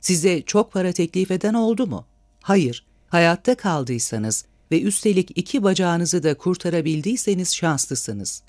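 A man voicing a small, bearded street agitator who shouts a rousing speech at a crowd. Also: sits high, expressive, unhurried, dry recording, clean studio sound. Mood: shouting.

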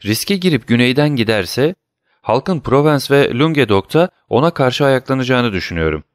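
A man's voice: medium pitch, lively intonation, moderate pace, no echo, studio quality, voice pushed up, natural voice. A man voicing an earnest young male prosecutor who speaks eagerly and apologetically to a king.

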